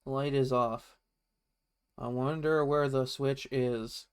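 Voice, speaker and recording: A man's voice: mid-range voice, fairly even intonation, slow, slight background noise. A man streaming a horror game, giving wry, playful casual commentary and reading bits of on-screen text aloud to himself.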